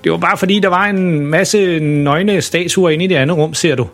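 A man's voice: fairly high pitch, soft background music, pitched above the performer's own voice, natural voice. An embarrassing, awkward dad fumbling through hesitant excuses, put on by a male storyteller. His voice is raised well above the storyteller's own. It is a children's audio story. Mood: sheepish. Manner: hesitant, stammering, sheepish.

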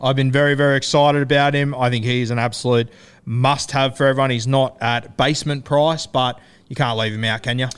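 A man's voice: medium pitch, steady tone, brisk, smooth. An Australian man hosting a sports podcast in a casual, broad, slangy, blokey style. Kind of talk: casual fantasy rugby league chat.

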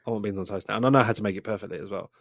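A man's voice: lowish voice, rapid-fire, no echo. A young English man co-hosting a podcast, talking enthusiastically and swearing casually. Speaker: podcast co-host. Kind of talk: casual chat.

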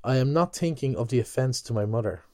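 A man's voice: medium pitch, quick pace, mellow, no echo, natural voice. A man voicing a cold, brooding young man who speaks in a clipped manner.

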